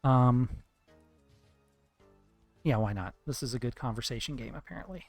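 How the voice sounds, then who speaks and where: A man on a live stream who thinks out loud in a loose, low-key way, his sentences trailing off as he decides what to do next. His voice sits at an ordinary middle pitch and sounds close and dry, with soft music playing faintly underneath. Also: lively intonation, normal speed, creaky, no echo. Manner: musing aloud to himself, low-key and trailing off. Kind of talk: casual live-stream chat.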